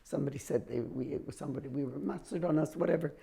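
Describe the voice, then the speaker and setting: A woman's voice: sits low, rapid-fire, creaky, warm tone. A woman in her seventies, born in Hungary, telling her family's refugee story in an oral history interview, often restarting her sentences. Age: 70s.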